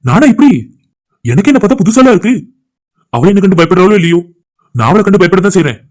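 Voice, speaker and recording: A man voicing a lovesick young village man in a cartoon, speaking a soft, sincere inner monologue. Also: sits high, sing-song, quick pace. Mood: longing. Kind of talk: cartoon voice acting.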